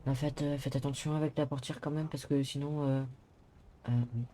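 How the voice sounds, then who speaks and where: A man acts out a worried, mild-mannered Englishman in an online game. His French is simple, halting and a little broken, with an English accent. The voice is mellow and relaxed in tone, over faint background ambience. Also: a little high, slight background noise, natural voice. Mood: earnest. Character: mild, worried, clumsy Englishman living in a city, speaking some French. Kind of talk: improvised online role-play.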